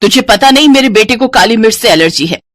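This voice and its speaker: A woman voicing a stern, short-tempered older mother-in-law in a storybook tale, speaking lower and scolding. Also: animated, fast, a bit bright, dry recording, studio quality. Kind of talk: storybook voice acting.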